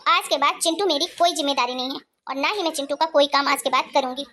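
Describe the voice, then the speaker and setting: A woman's voice: sits high, fast, sharp tone, a little hiss or hum. A woman voicing a hard-working young wife in a cartoon story, earnest and indignant as she defends herself. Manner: earnest, indignant, pleading her case.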